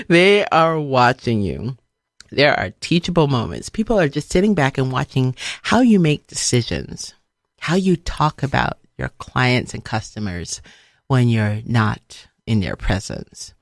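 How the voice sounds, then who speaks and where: Her voice rumbles low as this middle-aged Liberian speaker and radio host delivers a motivational talk, emphatically stressing points and repeating phrases. The studio sound is clean, with no room sound.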